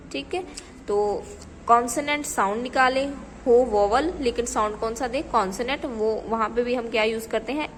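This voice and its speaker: Woman grammar teacher, slightly high voice, deliberate reading of examples, reverberant room with faint hiss. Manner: checks understanding with repeated rhetorical questions. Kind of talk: classroom lesson explaining grammar.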